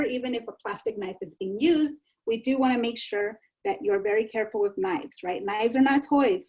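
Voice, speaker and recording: A woman's voice: on the high side, warm tone. A woman giving a live online cooking demonstration in a chatty, reassuring way over a video call. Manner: chatty, reassuring, repeats herself. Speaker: enrichment instructor.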